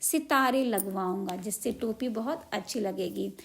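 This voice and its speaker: A woman's voice: medium pitch, measured pace, creaky. A woman voicing a cheeky, stubborn male mouse in a children's story, making demands and singing little threats. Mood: pleased. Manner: sing-song threats, insistent.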